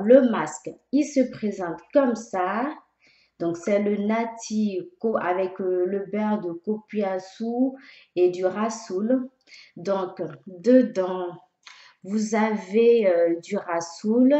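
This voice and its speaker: A woman talking casually to her viewers in a product review vlog, hesitant with many pauses and fillers. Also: medium pitch, dark tone. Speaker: beauty vlogger. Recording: echoey room, dull lo-fi sound.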